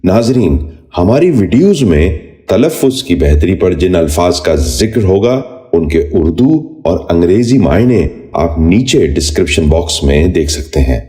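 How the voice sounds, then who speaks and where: Very deep, dark-voiced man teaching pronunciation. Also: very animated. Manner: slow, measured drill, repeating each word; formal, polite address to viewers and children. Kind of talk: scripted lesson narration.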